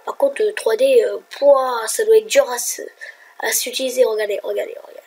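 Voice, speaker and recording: A woman giving casual, rambling commentary over her screen recording as a tutorial vlogger, thinking aloud with whispered asides and sudden excited outbursts. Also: on the high side, brisk, slightly rough, poor audio.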